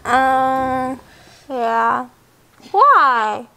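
A woman's voice: sits high, expressive, very slow. A young woman, loopy and numb-mouthed after having her wisdom teeth out, chatting in a muffled, slurred, childlike and emotional ramble. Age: teens or young adult. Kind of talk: casual chat. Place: indoors on a couch, camera close by. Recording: loud music behind.

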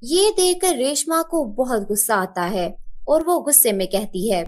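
A woman's voice: sits high, lively intonation, normal speed, darkish tone. Woman narrating a cartoon story.

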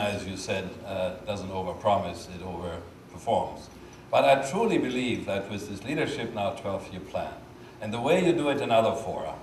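An older man speaks from a conference panel in a measured, diplomatic way, drawing out key phrases. His voice is very deep. The room adds noticeable echo and the mic sits some distance away. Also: slight background noise. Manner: measured, diplomatic, slow emphasis. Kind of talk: panel discussion remarks. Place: conference stage, indoors. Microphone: lapel mic. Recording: echoey hall, distant mic.

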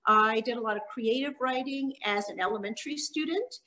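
A middle-aged woman from Montreal, a children's author, giving a talk from her living room over a laptop webcam, with frequent ums and pauses. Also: a little high, pushed and bright, low-quality recording. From Canada (Montreal), born in Hungary. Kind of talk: presentation on a video call. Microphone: laptop webcam on a video call.

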